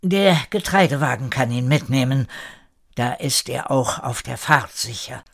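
A man reading an audiobook, voicing an earnest, warm-hearted woman who owns an estate and speaks with urgency. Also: mid-range voice, lively intonation, a little slow, creaky. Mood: urgent. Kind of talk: audiobook character voice.

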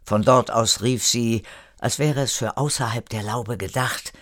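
An older man narrates a story at a very unhurried, measured pace, letting each sentence settle. His voice sits in a middle range, recorded close and dry. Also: mid-range voice, a bit bright, no echo. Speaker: storyteller grandfather.

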